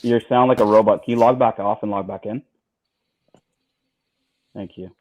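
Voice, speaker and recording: A man co-hosting a casual livestream, talking in a relaxed, chatty way with many fillers and repeats. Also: on the low side, normal speed. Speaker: livestream co-host. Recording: tinny phone-like line.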